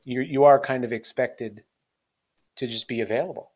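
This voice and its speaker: This is a podcast host in his forties with a mid-range voice, speaking at normal speed. He conducts a casual interview, rambling on, mocking himself, and using lots of fillers.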